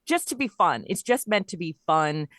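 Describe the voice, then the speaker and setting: Chatty and full of jokes, this middle-aged comedy writer and audio performer talks informally as an interview guest on a podcast. Her voice leans low but swings widely in pitch, with a fairly bright tone at normal speed, in a clean studio recording with no room sound.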